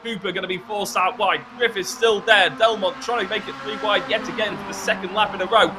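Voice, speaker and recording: Excitable high-voiced race caller. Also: male voice, brisk, noisy background. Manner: excitable, builds to shouts at passes. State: voice going hoarse. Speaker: lead race commentator. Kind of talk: excited live motorsport commentary.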